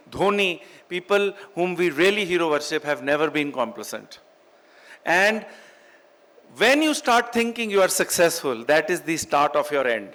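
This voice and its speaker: This keynote speaker, a middle-aged real estate executive from Chandigarh, has a North Indian accent and a slightly high, somewhat bright voice. His motivational business talk is emphatic, full of phrases repeated in parallel for effect, and switches between English and Hindi.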